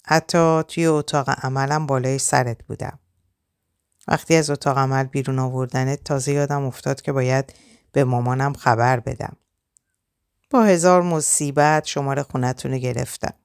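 A woman's voice: rumbling low, steady tone, smooth, dry recording, studio quality. A woman reading an angry young man. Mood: earnest. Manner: indignant, accusing. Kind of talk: audiobook character reading.

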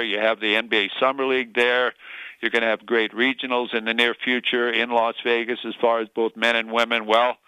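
A man's voice: mid-range voice, sharp tone, smooth, no echo. Male sports talk host, promotional and emphatic, resonant voice, dry and slightly muffled broadcast sound. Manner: effusive, promotional, repeats phrases for emphasis. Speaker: sports radio show host. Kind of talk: sports talk radio hosting and interviewing. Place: radio show broadcast.

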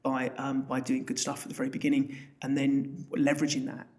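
A man's voice: medium pitch, monotone, brisk, a little mellow, a little hiss or hum. A man with an Essex accent giving chatty, emphatic interview answers as a business founder, often repeating words. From Essex, England. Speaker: business founder, podcast guest.

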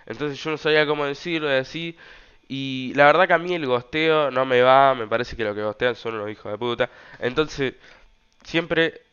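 Young Argentine male host, casual slangy storyteller, smooth tone, dull recording. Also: medium pitch, normal speed, a bit bright. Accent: Argentine Rioplatense Spanish. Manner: rambling, loose, slangy, many fillers. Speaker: podcast host.

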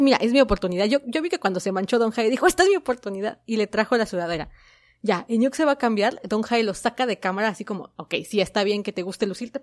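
A woman talks through a casual fan commentary. She gushes, gets excited and slips into acted-out quotes. Her voice sits at an ordinary middle pitch. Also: no room sound, studio quality. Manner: gushing, excited, acts out quotes. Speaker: K-pop fan vlogger.

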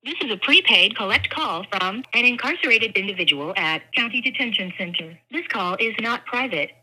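Bright automated payphone voice, woman. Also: mid-range voice, normal speed, slightly rough, low-quality recording. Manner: flat, formal, scripted. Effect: prison payphone collect-call line. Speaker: automated jail phone operator. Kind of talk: recorded automated announcement.

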